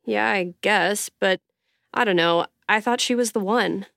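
A woman's voice: medium pitch, measured pace, gravelly, fairly bright tone, dry recording, clean studio sound. A woman playing a lovesick, heartbroken young woman who is pining for her ex in a comedy audio drama. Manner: moping, earnest.

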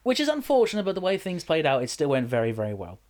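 Slightly high-voiced and fast, this wrestler-turned-general-manager trades stories on a relaxed podcast. He tells them with animation, stopping and restarting again and again.

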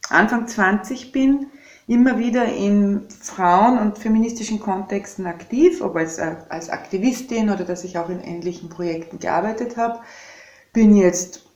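A woman in her fifties with an Austrian German accent talks through her ideas slowly and reflectively. Her voice sits in a middle register. The recording carries a noticeable room echo. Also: medium pitch, darkish tone. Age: 50s. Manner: reflective, measured, thinks aloud. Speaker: podcast guest, activist. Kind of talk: podcast conversation.

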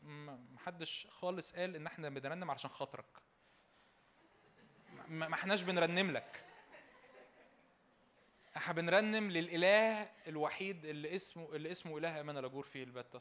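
A man's voice: a little high, fairly bright tone. A young man preaching a sermon with an Egyptian Arabic accent, fervent and repetitive, raising his voice in exhortation and slipping in joking asides.

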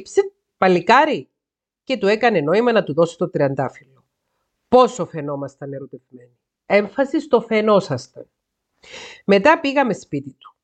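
A woman podcast host reading a listener's letter aloud, breaking in with sarcastic comments. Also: mid-range voice. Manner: sarcastic asides between read passages.

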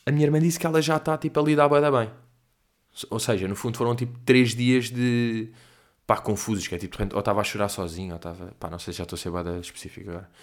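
A young man from Portugal with a European Portuguese accent, hosting a podcast in a rambling, slangy, animated casual monologue. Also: mid-range voice. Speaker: podcast host.

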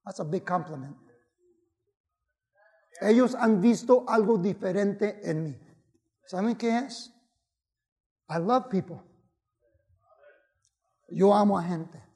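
Man preacher, gravelly voice, high pitch, unhurried, bilingual sermon. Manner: switches between Spanish and English, exclaims and shouts at peaks.

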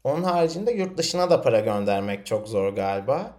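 A man's voice: medium pitch, big pitch swings, a little fast, darkish tone. A man interviewing in a casual, informal and encouraging way.

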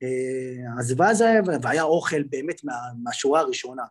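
A man talking as a podcast guest and former footballer. He tells a lively anecdote with many fillers and restarts. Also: mid-range voice, slight background noise. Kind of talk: animated anecdote telling in conversation.

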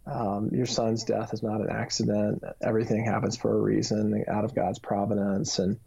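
A man's voice: fairly low pitch, flat delivery, moderate pace, vocal fry, mellow, slightly rough. A man in his thirties gives an earnest, reflective personal testimony in an interview, with frequent fillers. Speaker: author and youth minister. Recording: dull lo-fi recording.

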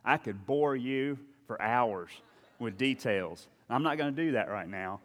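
A man's voice: medium pitch, expressive, measured pace, a bit bright, in a large hall. A man preaching a sermon as a pastor, talking in a conversational, storytelling way with frequent asides and restarts.

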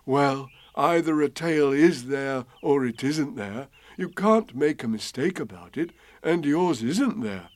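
A man's voice: a little high, animated, takes it slowly, few pauses, no echo. A man voicing a kindly, simple-witted toy bear in a storybook, speaking earnestly and solemnly. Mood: concerned, earnest.

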